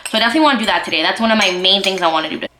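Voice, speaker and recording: A vlogger in her twenties chats casually at home over breakfast, packing her talk with fillers like "like" and sometimes speaking with her mouth full. Her medium-pitched voice races with a sharp tone, and the echoey room recording has a slight hiss or hum.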